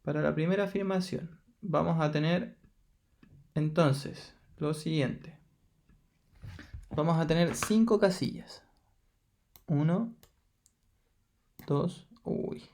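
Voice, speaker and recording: A Chilean man giving a recorded math lesson, his voice a touch high and gravelly. He works through each step slowly and patiently, counting out loud and checking that his students follow. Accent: Chilean Spanish. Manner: patient, steps through counting aloud with frequent "ya". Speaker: math teacher. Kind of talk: recorded lesson explaining exercises.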